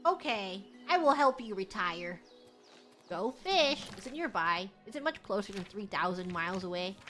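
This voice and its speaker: A woman's voice: medium pitch, big pitch swings, moderate pace, fairly bright tone, faint music behind. A woman game streamer giving casual, playful gameplay commentary with theatrical reactions.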